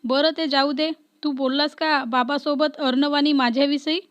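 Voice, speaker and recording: A woman's voice: high voice, steady tone, lightly acted. Woman voicing a strict, teasing young officer. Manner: teasing, quick to scold. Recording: dull lo-fi recording.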